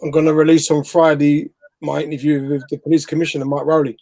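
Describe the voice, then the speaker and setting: A fast-talking man with a Bajan accent has a slightly high, dark voice that barely moves in pitch. As guest interviewer in a casual live chat, he tells a rambling, laughing story over a video call from home.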